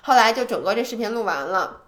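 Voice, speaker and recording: A woman co-hosting a podcast in casual chat, animated and self-deprecating, speaking with a tinge. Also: fairly high pitch, fast. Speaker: podcast co-host.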